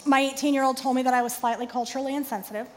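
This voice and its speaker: A woman pastor in her forties giving an animated sermon with self-deprecating humor. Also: high voice, rapid-fire, long reverb tail, noisy background.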